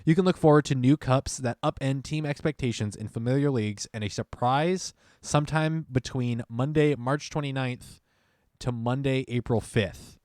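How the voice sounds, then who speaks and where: A young man co-hosts a gaming podcast in a loose, chatty way, reading announcements aloud and adding wry side comments. His voice is mid-pitched and recorded close with no room sound. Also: moderate pace, a little mellow, no echo. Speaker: podcast co-host. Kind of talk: casual chat.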